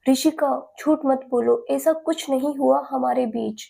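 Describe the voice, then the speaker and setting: A woman's voice: high-pitched, measured pace, creaky, full character voice. A woman doing an accused young husband. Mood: angry. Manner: pleading and shouting in turns. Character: angry desperate young husband.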